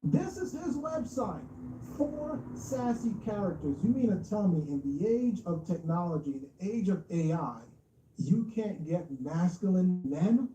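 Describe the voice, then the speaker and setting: Smug, sarcastic commentator, dark-toned and echoey. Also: mid-range voice, sing-song, a little slow, slight background noise. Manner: smug, sarcastic, taunting exposé with rhetorical questions. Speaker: online commentary show host. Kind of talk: mocking commentary over clips. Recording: echoey, dull, distant mic.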